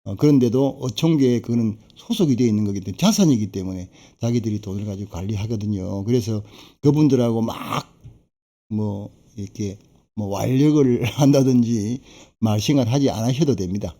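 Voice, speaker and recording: Middle-aged man, very dark mellow voice, folksy live-stream consultant who chats and chuckles. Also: on the low side, brisk. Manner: chatty, folksy, laughs between points. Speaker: fishing boat broker and fishing-village consultant. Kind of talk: casual live-stream talk.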